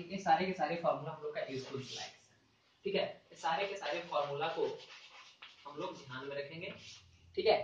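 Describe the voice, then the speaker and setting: Slightly high-voiced male math teacher, echoey. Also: a little hiss or hum. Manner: repeats points with frequent "ठीक है" check-ins; slow and deliberate when writing formulas. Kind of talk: classroom math lesson at a board. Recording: echoey, dull sound from a distant mic.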